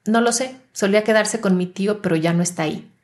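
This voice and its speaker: A guarded young foster girl speaks in curt, blunt replies, as a woman narrator puts her on. She sounds defiant and wary, only a touch higher than the reader's own voice. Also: quick pace, a little mellow, lightly acted.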